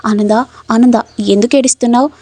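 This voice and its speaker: A woman voicing a gentle, ailing older sister who keeps asking questions, in a plain read-out story manner. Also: on the high side, steady tone, a little fast, breathy edge, no echo. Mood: questioning. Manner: plain read-out lines, hardly acted.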